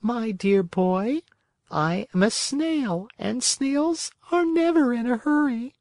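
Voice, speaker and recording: Reader doing a calm, slow lady snail. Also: mid-range voice, no room sound, voice pushed up. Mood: unhurried. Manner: calm, peaceful and unhurried. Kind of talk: storybook character voice.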